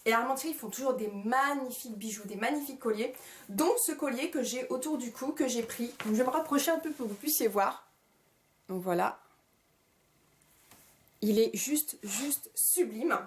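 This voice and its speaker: A woman's voice: fairly high pitch, moderate pace, long pauses. A woman talks through a shopping haul in casual vlog style, gushing with lots of fillers, recorded on a camcorder mic. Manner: gushing, with frequent fillers and repeated praise. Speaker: vlogger. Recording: roomy echoey room.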